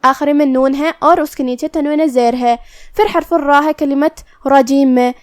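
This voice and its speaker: High-voiced woman teaching careful recitation. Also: no echo, studio quality. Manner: careful, step-by-step explanation. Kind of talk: tajweed pronunciation lesson.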